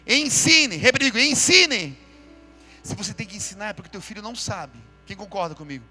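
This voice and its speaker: A man preaching, his voice very high and piercingly bright. He speaks fervently to a church congregation and keeps drawing them in to repeat his words, while soft music plays underneath. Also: lively intonation, brisk. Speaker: pastor. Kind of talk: sermon. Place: church during a live service.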